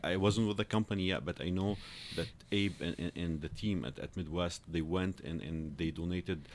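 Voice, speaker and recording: Deep-voiced man from Lebanon, earnest and halting. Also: fairly even intonation, slight background noise. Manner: earnest, halting, repeats words. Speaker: guest. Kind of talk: casual talk show interview.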